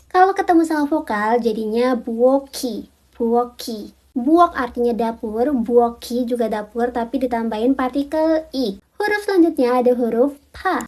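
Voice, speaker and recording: A woman with a high, mellow voice gives a casual video lesson on reading Korean. She chats to her viewers and repeats each example word slowly and clearly. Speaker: Korean language teacher.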